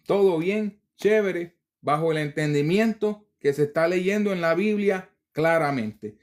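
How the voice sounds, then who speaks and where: A man teaching from the Bible, reading verses slowly and deliberately with casual asides to the viewer. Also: sits high.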